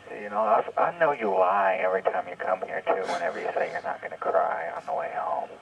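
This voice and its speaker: A man heard over a speakerphone call, talking curtly and gruffly to his mother as he tries to reassure her. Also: on the low side, sing-song, brisk, highs cut off, a little hiss or hum.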